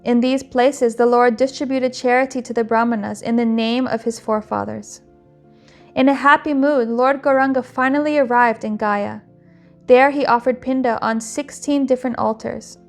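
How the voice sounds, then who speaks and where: Kobieta spokojnie czytająca świętą opowieść. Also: female voice, a little high, faint music behind. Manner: calm, measured narration with emphatic exclamations. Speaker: scripture reader. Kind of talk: devotional scripture reading.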